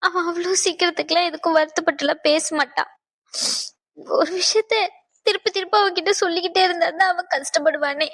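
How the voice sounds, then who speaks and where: A woman's voice: very high voice, fairly even intonation, a little fast, fairly bright tone. A woman voicing an anxious young mother and bride in a cartoon, pleading and tearful. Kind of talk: cartoon dubbing.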